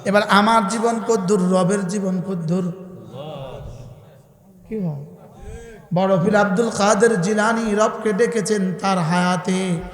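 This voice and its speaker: A man with a Bangladeshi Bengali accent preaching a sermon, moving between drawn-out chanting and rhythmic call-and-response questions to the crowd. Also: sits high, fairly even intonation. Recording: echoey hall with faint music.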